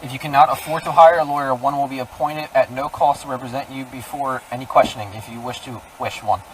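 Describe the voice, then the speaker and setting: A man's voice: mid-range voice, fairly even intonation, quick pace. A male police officer reading arrest rights in a formal, recited way, recorded on a body camera. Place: outdoors by vehicles, body camera. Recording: distant mic, loud outdoor traffic noise.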